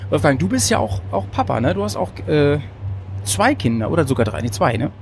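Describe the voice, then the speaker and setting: Over crowd noise, a podcast host with a slightly high, gravelly voice talks fairly quickly and very animatedly. Recorded on a train, his casual chat is bubbly and giggly, rambling with fillers and lots of laughter.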